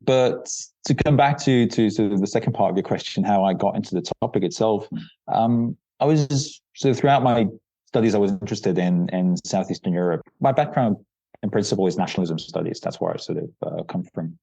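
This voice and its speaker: A man's voice: lowish voice, fairly quick, creaky, mellow, slightly rough, dry recording. A middle-aged man born in Croatia and raised in Austria, an academic guest answering interview questions hesitantly with many fillers. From born in Croatia, raised near Vienna, Austria. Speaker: academic researcher, podcast guest. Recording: dull, dry lo-fi remote line.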